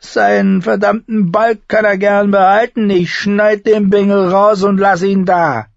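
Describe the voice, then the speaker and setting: A man voicing a cruel, unstable young prince who mocks and threatens in a shrill, strained voice. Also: little pitch movement, a little slow, creaky, no room sound, highs cut off. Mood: menacing.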